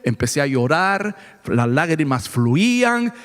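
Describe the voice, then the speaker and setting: Male pastor, fervent preaching, high voice, lively swooping pitch, echoing church hall. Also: slow. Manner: fervent, dramatic retelling with rising shouts; addresses the congregation directly. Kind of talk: sermon testimony. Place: church sanctuary. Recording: long reverb of a church hall.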